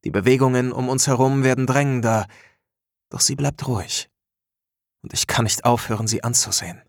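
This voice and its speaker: A man narrating a story in the first person, measured and introspective. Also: mid-range voice, steady tone, vocal fry, dry recording, studio quality.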